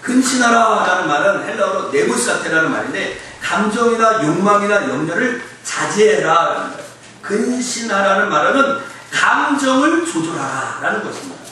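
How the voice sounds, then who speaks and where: A male pastor delivers a Sunday evening sermon, telling funny stories from home and calling out lines for the congregation to repeat. His voice sits a little high and swings widely. It is picked up from a distance in a big, reverberant church with faint background noise. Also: moderate pace. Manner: lively, humorous storytelling with call-and-response to the congregation. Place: church sanctuary. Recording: echoey church hall, mic from afar, faint noise.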